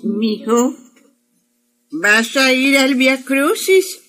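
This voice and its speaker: A woman's voice: high-pitched, animated, drawn-out words, fairly bright tone, faint music behind, heavily acted. An actress playing a pious mother who nags her son to attend church processions, in a radio drama. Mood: pleading. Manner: scolding, pleading, drawn out. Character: pious nagging mother, middle-aged.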